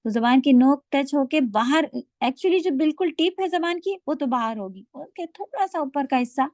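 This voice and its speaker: A woman's voice: a little high, darkish tone, no echo. Woman teaching letter sounds, dry close voice. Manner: patient, explains pronunciation by demonstrating letter sounds. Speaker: Quran recitation teacher. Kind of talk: online tajweed lecture.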